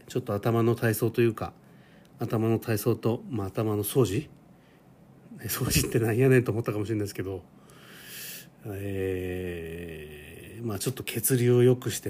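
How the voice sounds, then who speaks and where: A man's voice: on the low side, a little mellow, a little hiss or hum. A man in his forties hosting a casual solo podcast, rambling and self-deprecating with lots of fillers. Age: 40s. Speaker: podcast host. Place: home.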